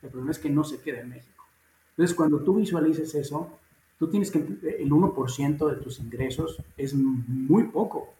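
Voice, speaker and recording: A man's voice: fairly high pitch, normal speed, mellow, echoey room, poor audio. A man with a Mexican accent, a guest in a casual interview, talking emphatically and informally. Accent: Mexican Spanish. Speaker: guest, housing executive.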